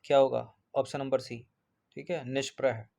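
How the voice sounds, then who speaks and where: Flat-voiced man teaching exam answers. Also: medium pitch, moderate pace, gravelly. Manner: explains point by point, repeats answers, checks in with 'ठीक है'. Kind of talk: exam paper walkthrough.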